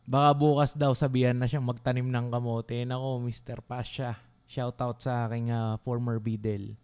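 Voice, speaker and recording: A young man from the Philippines, a law school vlogger, telling a story to his livestream viewers in an animated, dramatic way and asking them to reply. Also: medium pitch, a little slow, clean tone. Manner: asks viewers to respond.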